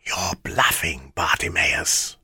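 A hissing, vengeful shadow spirit. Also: male voice, low voice, fairly even intonation, vocal fry, sharp tone, husky, no echo, clean studio sound, exaggerated voice. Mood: menacing whisper. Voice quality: hissing whisper. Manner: slow, threatening. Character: menacing male shadow spirit, cold and vengeful.

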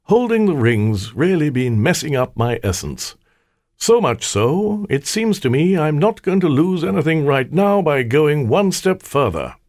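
A man's voice: fairly high pitch, big pitch swings, unhurried, darkish tone, no room sound, studio quality, pitched above the performer's own voice. A man voicing a cocky male trickster spirit who taunts with a theatrical, mocking delivery. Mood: taunting.

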